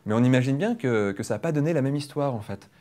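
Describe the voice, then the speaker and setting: A man leading a public hypnosis demonstration, explaining quickly and playfully to a live audience. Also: mid-range voice, expressive, a little mellow. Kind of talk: lively teaching talk to a live audience. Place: training room with an audience.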